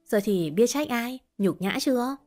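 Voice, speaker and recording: A woman's voice: fairly high pitch, lively intonation, measured pace, darkish tone, faint music behind, voice pushed up. A woman voicing a spiteful, scornful young wife. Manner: mocking, scornful.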